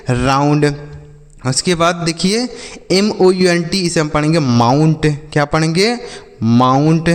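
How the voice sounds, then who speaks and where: A man's voice: on the high side, in a large hall. A man teaching English phonics to children, spelling out letters and repeating each word as a question-and-answer drill.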